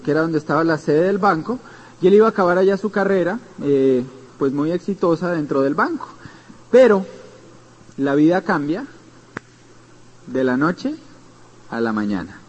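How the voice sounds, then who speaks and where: A man's voice: high-pitched, darkish tone, dull audio. A man with a Colombian accent giving a motivational seminar talk, telling his story earnestly and speaking straight to his listeners. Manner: earnest storytelling, addresses listeners directly with tag questions.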